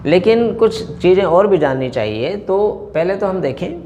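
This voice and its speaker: Indian guy teaching a lesson, slightly high voice, slow with lots of uhs, faint hiss behind. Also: animated, warm tone. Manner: explains slowly with many hesitations. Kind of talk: spoken language lesson.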